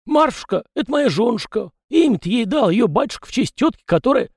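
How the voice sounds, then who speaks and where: A man putting on a chatty peasant house spirit, high voice, swooping, fretful, storybook. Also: big pitch swings, brisk, slightly rough, no room sound, studio quality, heavily acted. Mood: gossipy. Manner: garrulous, fretful, rustic folksy speech.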